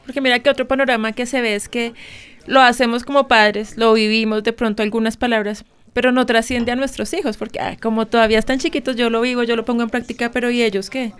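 A woman's voice: on the high side, fairly even intonation, fast talker, clear, resonant tone. A woman co-hosting a church talk program, adding agreeable supporting remarks to the host's points. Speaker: co-host. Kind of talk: church radio conversation.

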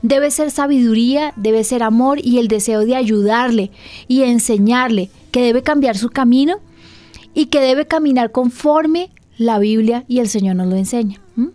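Earnest woman pastor, slightly high voice. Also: moderate pace, warm tone, dry recording. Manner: earnest, questioning her co-host, breathing advice. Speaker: pastor and radio program host.

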